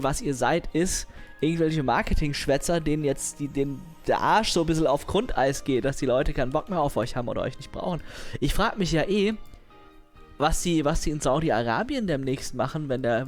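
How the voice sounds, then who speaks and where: A man's voice: fairly high pitch, animated, moderate pace, faint music behind. A young man chatting casually on a livestream, rambling in slangy, crude language and laughing often.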